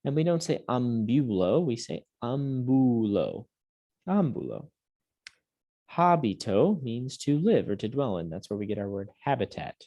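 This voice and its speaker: Man, middle-aged, Latin teacher, patient, mellow tone, drills words slowly. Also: medium pitch, animated, highs cut off. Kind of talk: recorded classroom lesson.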